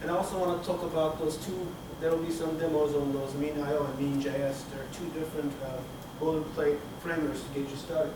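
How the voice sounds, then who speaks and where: A Turkish man gives a technical conference talk in a conference room with a projector screen, speaking haltingly with many fillers and restarts. His voice is fairly high and steady. A room camera at the back of the hall records him from afar, so the sound is echoey with room noise.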